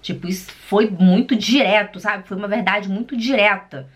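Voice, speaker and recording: A woman with a Brazilian Portuguese accent teaching German phrases in a casual, chatty way, drawing words out to drill them and checking in with the learner often. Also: medium pitch. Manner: slow, drawn-out drilling of words. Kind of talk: casual spoken lesson.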